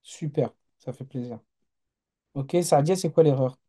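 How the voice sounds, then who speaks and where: Patient male teacher, dark mellow tone, runs a live online class and checks on learners. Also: mid-range voice, a little slow. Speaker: Arabic teacher.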